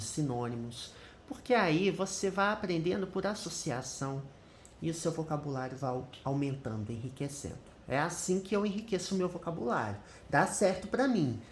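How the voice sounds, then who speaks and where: A woman's voice: low-pitched, reverberant, slight background noise. A Brazilian Portuguese-accented woman teaching English in a screen-share lesson, thinking aloud and checking in with the viewer often.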